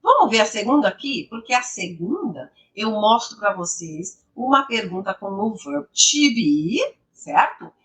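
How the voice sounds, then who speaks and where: A woman teaching English grammar, explaining slowly and repeating each example sentence with emphasis. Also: mid-range voice, big pitch swings, fairly bright tone, recorded from a distance.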